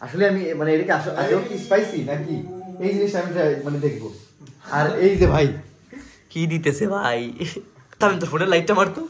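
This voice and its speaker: A man's voice: fairly high pitch, fast. A young man with a Bangladeshi accent chatting casually and jokingly as he hosts a vlog. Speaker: vlogger hosting a food challenge. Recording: roomy echo, music underneath.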